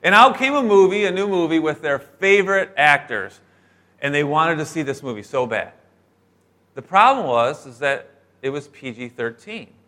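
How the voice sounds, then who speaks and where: Animated preacher man telling stories. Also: on the high side, moderate pace. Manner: animated storytelling, acting out voices of the people in his stories. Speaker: pastor. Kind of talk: sermon.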